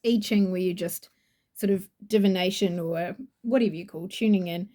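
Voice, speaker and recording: A woman with a New Zealand accent gushes about an oracle deck in a casual product review, chatting and rambling with plenty of fillers. Her voice is lowish and warm, at a normal speed.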